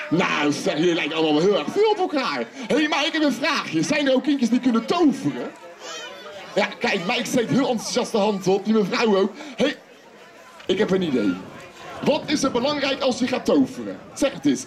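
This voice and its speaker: A man with a very high, bouncy voice works a crowd of children as a festival clown. He shouts out questions and jokes with them. It is recorded in the open air with the kids' noise behind him. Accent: Dutch. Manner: playful, shouting to the crowd, teasing. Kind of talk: lively clown patter for children. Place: outdoor festival stage.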